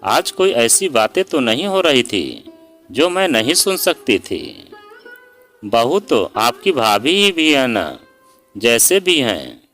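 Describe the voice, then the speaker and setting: A proud young daughter-in-law who is done staying quiet, as a male storyteller puts her on. She speaks slowly, with a voice that rises and falls a lot. Soft sitar plays behind her. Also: mid-range voice. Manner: sarcastic and pleading by turns. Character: hurt, outspoken young Indian daughter-in-law.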